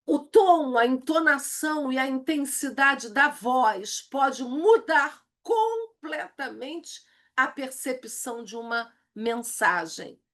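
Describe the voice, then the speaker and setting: Woman, Brazilian accent, high voice, unhurried, emphatic Bible teacher. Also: animated, a bit bright. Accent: Brazilian Portuguese. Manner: emphatic, acts out quoted lines. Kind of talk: recorded church video lesson.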